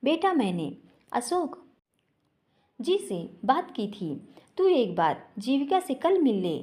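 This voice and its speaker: A woman voicing a gentle, worried older mother who talks softly and tenderly to her son. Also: sits high, very animated, takes it slowly, full character voice.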